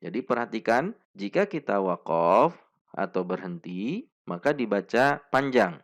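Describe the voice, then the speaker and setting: Speaking with a fairly low pitch and lots of animation, a man patiently teaches Quran recitation rules, pausing on each sound to demonstrate it slowly and having listeners echo it.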